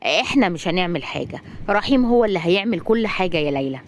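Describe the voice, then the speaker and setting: A woman's voice: on the low side, expressive, fast talker, natural voice. A woman with an Egyptian accent voicing a chatty, scheming older grandmother. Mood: chatty, plotting. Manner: chatty, conspiratorial.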